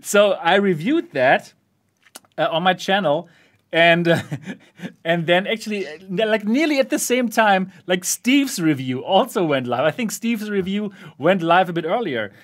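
A man with a notably high speaking voice hosts a relaxed tech chat. He keeps breaking into laughter between points, and the talk stays loose and conversational. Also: a little slow. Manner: laughs often while talking. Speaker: host of a VR channel. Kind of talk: casual podcast chat.

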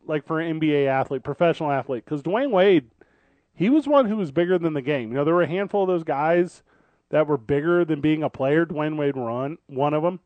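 A man's voice: fairly high pitch, expressive, a little fast, no room sound, muffled recording. A man hosting a sports radio show in casual, conversational talk, often repeating and rephrasing as he builds a point.

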